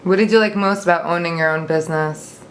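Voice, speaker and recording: A woman's voice: lowish voice, steady tone, fast, a little hiss or hum. A young woman interviewing a relative casually, asking simple personal questions and listening. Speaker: interviewer, granddaughter.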